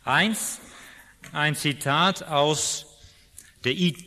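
A middle-aged Dutchman, a native speaker with a Dutch accent, gives an informal personal talk as a guest speaker. His voice is fairly high and sharp, and he speaks very slowly. He's in a large hall, and the recording is echoey with a long reverb.

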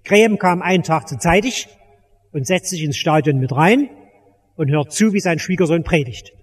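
A man's voice: fairly high pitch, lively intonation, moderate pace, husky. A man preaching an evangelistic sermon at a church service, urgent and commanding, with emphatic repetition. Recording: echoey church hall.

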